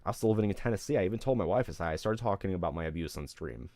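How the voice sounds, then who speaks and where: This streamer rants to his live viewers with raw honesty, his delivery rambling, emotional and packed with swearing. His low, slightly mellow voice is animated and racing, and the recording has no room sound.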